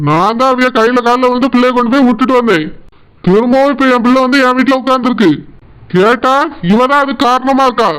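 A performer voicing an angry village father in a cartoon, speaking with a Tirunelveli Tamil accent and accusing and complaining forcefully. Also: mid-range voice, smooth, lightly acted, poor audio. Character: angry village father, the woman's brother-in-law. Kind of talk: cartoon voice acting.

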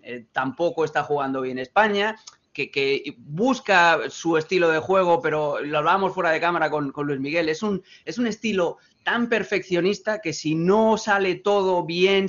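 A man's voice: a little high, fairly bright tone. A man in his thirties with a Spanish accent from Spain, talking football in a loose, hesitant, ironic way. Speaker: football analyst. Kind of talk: casual sports debate. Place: home room. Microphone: desk mic on video call. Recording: lo-fi video call audio.

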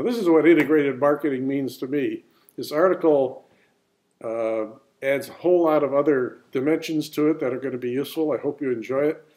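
A man's voice: medium pitch, darkish tone. A man giving an informal marketing lesson in a folksy, plain-spoken way, now and then poking fun at himself. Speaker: business presenter.

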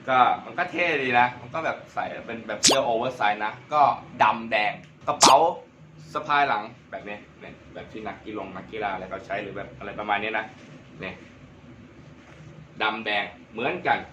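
A man's voice: on the low side, fairly even intonation, moderate pace, muffled recording, background noise. A young man hosting a casual Q&A vlog, joking and using crude slang. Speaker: vlogger.

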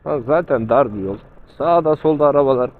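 A man talking casually and slangily inside a motorcycle helmet while riding, as a motovlogger thinking out loud. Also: medium pitch, a little fast. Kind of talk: casual riding chat and commentary. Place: outdoors, riding on the road. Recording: muffled phone-like helmet mic, vehicle sound.

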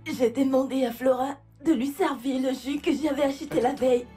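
A woman's voice: sits high, fairly even intonation, normal speed, dark tone, soft background music, natural voice. A woman dubbing a grieving wife in a French film dub, panicked and pleading, close to sobbing. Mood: shaken. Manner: panicked, pleading, breaking into sobs. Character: frantic grieving wealthy wife.

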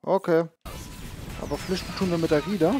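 A man's voice: fairly high pitch, steady tone, a little fast. A man giving casual, off-the-cuff gameplay commentary, repeating words as he searches for them. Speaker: let's play host. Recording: game music behind the voice. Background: video game music.

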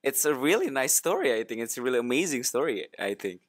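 A man's voice: medium pitch, sing-song, fast. A man hosting an interview, eager and encouraging, who backs up the guest with frequent "mm"s and uses simple phrasing. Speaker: interviewer, host.

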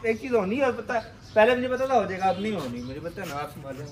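Annoyed guy talking from further off, high voice, animals barking nearby. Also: quick pace, recorded from a distance.

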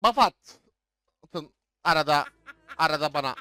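A young man streaming a game live, yelling orders at his teammates and swearing in frustration. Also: a little high, expressive, measured pace, smooth. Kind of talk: live gameplay commentary.

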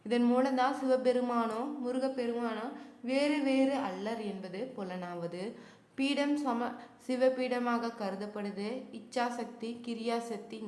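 A woman narrating temple history in a relaxed, chatty way, often adding "you could say" and correcting herself mid-phrase. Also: on the high side, roomy sound. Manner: casual spoken Tamil with fillers like "you could say". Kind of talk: colloquial devotional narration.

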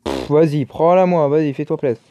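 A man's voice: fairly high pitch, a little fast, gravelly, mellow, no room sound, highs cut off. A man giving casual, chatty commentary over his own gameplay, exclaiming and muttering to himself as he plays. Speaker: gaming YouTuber.

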